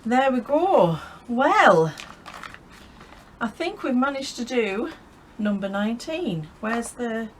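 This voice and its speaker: A woman's voice: on the high side, big pitch swings, slow, rough recording. Casual woman, craft vlogger, rambling and friendly, light background hiss. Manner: chatty, rambling, laughs often.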